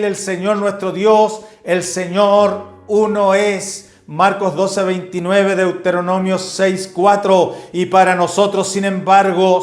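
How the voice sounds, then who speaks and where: High-voiced male preacher in echoey room. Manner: doctrinal teaching, citing Bible verses. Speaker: pastor. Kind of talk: sermon. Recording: echoey room with faint music.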